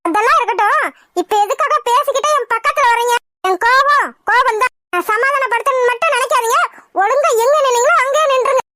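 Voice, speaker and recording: A woman's voice: very high-pitched, fast talker, pushed and bright. A woman voicing a proud, stubborn young wife in a cartoon, sulking and scolding her husband indignantly. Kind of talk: cartoon voice acting.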